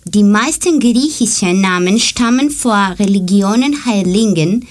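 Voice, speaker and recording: A woman from Greece, a Greek native speaker, slowly reading a prepared presentation in learner's German. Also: medium pitch. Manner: slow, careful learner's German. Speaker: student presenter. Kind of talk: read-aloud presentation.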